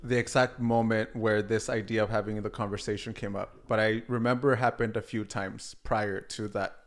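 A young man from Mexico, a podcast guest, talking in a measured, thoughtful way and sometimes correcting himself. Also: fairly low pitch, fairly even intonation. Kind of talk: casual chat.

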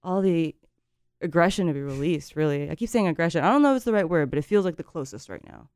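Young woman musician from Japan, anxious rambler, smooth voice, dry sound. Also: lowish voice, lively intonation, quick pace, a little mellow, dry recording. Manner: rambling, filler-heavy, laughs often. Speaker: musician guest. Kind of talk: casual chat.

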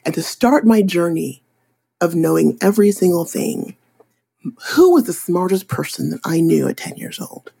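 Low gravelly woman telling stories. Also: moderate pace. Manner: animated, chatty, acts out voices in anecdotes. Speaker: boudoir photographer and attorney. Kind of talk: casual interview storytelling.

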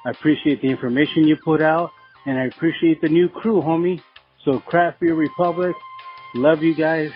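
A man's voice: on the high side, steady tone, normal speed, faint music behind. A man from the San Fernando Valley leaving a casual voicemail over the phone, laid-back and slangy, calling everyone "homie.". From San Fernando Valley, California. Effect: heard over a phone line as a recorded voicemail. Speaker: podcast listener leaving a voicemail. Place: brewery taproom.

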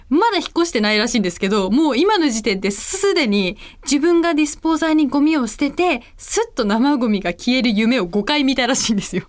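High, lively woman radio host. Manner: animated, chatty storytelling. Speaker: radio show host and voice actress. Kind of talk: casual solo radio talk.

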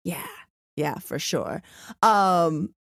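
A woman's voice: on the low side, very slow, dry recording, clean studio sound. Casual woman podcast host, chatty and slangy. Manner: informal, slangy, checks in with the listener. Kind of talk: casual conversational interview.

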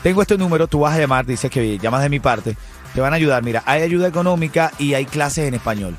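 A man's voice: on the high side, fast, soft background music. Upbeat radio host man. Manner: energetic, playful, promotional. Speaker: radio morning show host. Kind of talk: lively radio banter.

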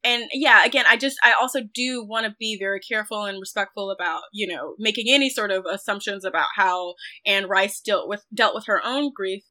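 Brisk and with few pauses, a woman of medium pitch offers her views as a guest critic in a reflective interview about film. Her tone is bright and forceful, yet she stays thoughtful and careful, frequently hedging her points.

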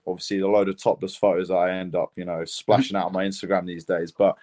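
Low-voiced laid-back British young man. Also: flat delivery, fast talker, dark tone. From Lithuania. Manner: rambling, laid-back storytelling with many fillers. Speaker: mixed martial arts fighter, guest. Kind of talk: casual podcast interview.

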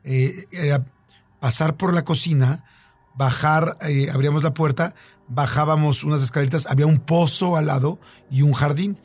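Animated Mexican man telling a story. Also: on the high side, moderate pace, slightly rough, dry recording. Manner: animated storyteller, fillers and repeats. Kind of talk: casual storytelling chat.

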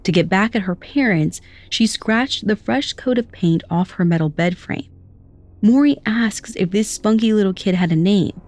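Woman narrator for a story podcast; measured, scripted, dry studio read. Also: medium pitch, a little mellow, no room sound.

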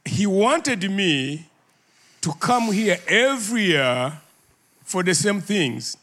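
An older man from Uganda telling a story in an interview, animated and laughing often. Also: high-pitched, takes it slowly. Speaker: guest, ministry leader.

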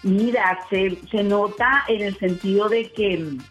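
A woman's voice: medium pitch, measured pace, muffled recording, soft background music. A Venezuelan woman calling into a radio show from abroad, speaking politely and agreeably, her accent tinged with Chilean. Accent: Venezuelan with Chilean touches. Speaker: caller.

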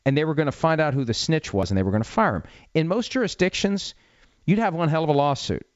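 A man's voice: on the high side, expressive, fast, dry recording, dull audio. A middle-aged man hosting a sports talk show, explaining legal matters in a conversational way with wry asides. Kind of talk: casual talk-show commentary.

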